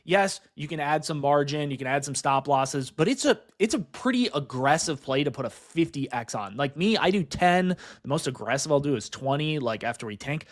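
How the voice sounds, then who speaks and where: A man with a slightly high voice talks through crypto price charts in a rush of excitement. He keeps addressing his viewers as "guys" and tosses in "right?" between points, his energy bubbling over as he goes. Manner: excitable, fast-talking, says "guys" and "right?" a lot. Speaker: crypto investing YouTuber.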